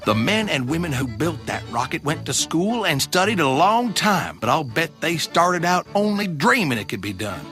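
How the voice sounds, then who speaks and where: A voice actor playing a playful, imaginative young monster boy who speaks earnestly and gently. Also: mid-range voice, big pitch swings, slow pace. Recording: cartoon with loud music behind.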